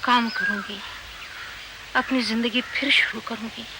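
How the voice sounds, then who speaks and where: An actress plays a sixty-year-old mother in an old television drama, wounded but resolute. Her voice sits a touch high and she speaks very slowly and deliberately. The recording has a steady hiss. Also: close to an everyday voice. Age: 60s. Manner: slow, measured, quietly determined delivery. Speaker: mother leaving her husband. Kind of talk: 1990s television drama acting. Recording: hissy old TV archive recording.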